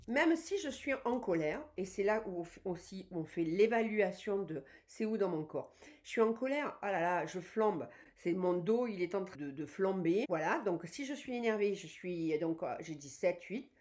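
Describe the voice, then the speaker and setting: A woman's voice: mid-range voice, darkish tone. Woman teaching tapping points, step by step. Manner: explains step by step, counts and repeats phrases while demonstrating. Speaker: EFT practitioner teaching on her channel. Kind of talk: tutorial demonstrating tapping points.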